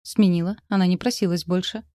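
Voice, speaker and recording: Woman doing a calm flat caregiver girl, short answers, kinda low voice. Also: a little fast, dry recording, studio quality, lightly acted. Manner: assured, flat. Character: calm, matter-of-fact young female caregiver.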